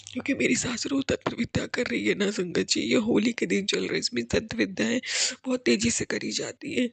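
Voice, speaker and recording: A woman's voice: on the high side, gravelly, breathy edge, no echo. A woman giving an earnest, tearful devotional testimony, pleading and repeatedly addressing the congregation.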